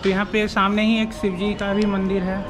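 A man in his thirties giving a relaxed, chatty walking tour of a riverside temple courtyard, recorded on an action camera. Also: sits high, a little fast, music in the background. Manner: relaxed, chatty guide pointing things out. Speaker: travel vlogger. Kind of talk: casual walking vlog tour. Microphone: action camera on a chest or hand mount. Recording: outdoor camera audio with clear street and traffic noise.

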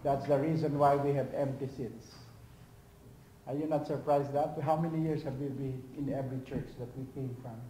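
A male pastor preaching a sermon in lively, swinging from loud emphasis to near-whisper and acting out short dialogues. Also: medium pitch, normal speed, a little hiss or hum. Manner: animated preaching, swings from loud to soft, acts out little dialogues. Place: church. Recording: echoey church hall.

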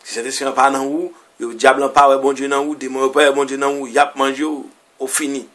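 A man preaching as a pastor, reading verses aloud and explaining them in loose, halting phrases. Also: medium pitch, level tone, a bit bright. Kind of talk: sermon reading and explaining scripture.

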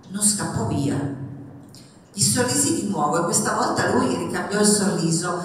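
Woman reading a memoir out loud, expressive, far from the mic in a big echoey hall, some background hum. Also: lowish voice. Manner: expressive reading, rising on excited passages. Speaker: reader at a book event. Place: public event in a reverberant hall.

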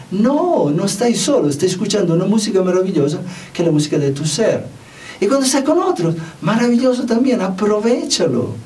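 A man from Europe gives a spiritual talk in a fairly high, mellow voice. He speaks unhurriedly and conversationally, and he keeps putting questions to the listener. He sits well back from the mic, so his voice sounds distant. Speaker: spiritual teacher.

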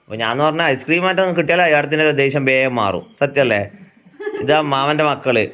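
A man's voice: a little high, quick pace, a bit bright. A man, chatting casually to viewers at home as a family vlogger and asking teasing questions. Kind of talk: casual vlog chat. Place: at home indoors.

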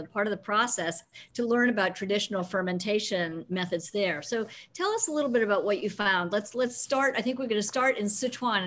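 A middle-aged woman moderating an online panel from her living room over a video call, upbeat and brisk with frequent ums. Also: medium pitch, fairly bright tone.

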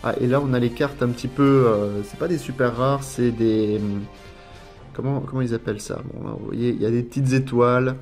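A man's voice: mid-range voice, fairly even intonation, a little fast, a little mellow, soft background music. A French man casually commenting as he unboxes a card collection, rambling and repeating words as he lists card names. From France. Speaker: YouTuber unboxing trading cards.

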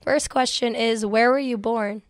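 A woman's voice: a little high, steady tone, a little slow, no room sound. A young woman co-hosting a podcast, interviewing a guest with friendly, encouraging reactions in a small studio on a close mic. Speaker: podcast co-host. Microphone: studio mic on arm.

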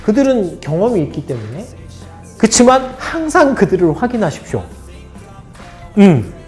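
A man's voice: high voice, moderate pace, faint music behind. A man, a former army officer, telling a story from his service and acting out what others said. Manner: animated, acts out dialogue of others.

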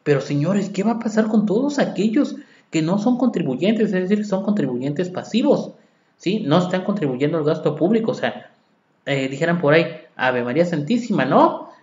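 A Mexican accountant gives a podcast lecture on tax law, reading legal articles aloud and then explaining them to listeners through rhetorical questions. His male voice is fairly high, animated and a little mellow, at a moderate pace. The recording is dull and lo-fi, in an echoey room.

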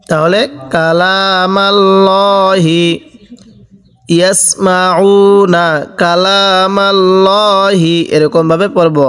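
High-voiced man spelling out recitation. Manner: spells each letter and vowel aloud, then chants the word slowly. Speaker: Quran reading teacher. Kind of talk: slow spelled-out recitation lesson. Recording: long reverb, roomy sound.

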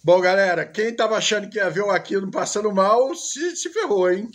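A man presenting a candy challenge casually as host of an outdoor vlog, with a husky voice. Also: sits high, lively intonation, fairly quick. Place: outdoors at a house patio.

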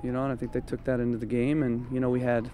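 A man in his thirties, a head coach, giving a measured postgame interview outdoors at night, with lots of "you know" and "um" as he thinks. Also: medium pitch, flat delivery, dark tone, a little hiss or hum. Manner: thoughtful, measured, frequent fillers. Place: outdoors at a training field at night. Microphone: handheld interview mic held close.

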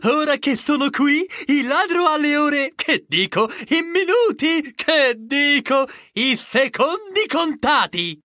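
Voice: high voice, expressive, takes it slowly, hardly any pauses, pushed and bright, no echo, studio quality, exaggerated voice. An actor voicing a boastful, bumbling detective mouse who rhymes playfully and trails off mid-sentence.

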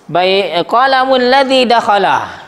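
A man teaching an Arabic grammar class, lively and often checking in with his students. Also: high voice, slow pace. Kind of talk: classroom lecture.

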